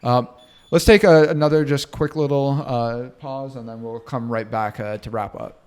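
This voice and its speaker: A man's voice: mid-range voice, fairly even intonation, normal speed, a little mellow, smooth. A man co-hosting a podcast, giving casual commentary, rambling with lots of fillers. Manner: rambling, full of fillers and hedges. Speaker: podcast co-host.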